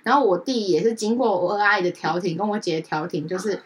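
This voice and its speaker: A woman co-hosting a chat podcast, telling a family story in a lively way and acting out relatives' lines. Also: quick pace, distant mic. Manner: animated, acts out family members' lines with big pitch jumps. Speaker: podcast co-host.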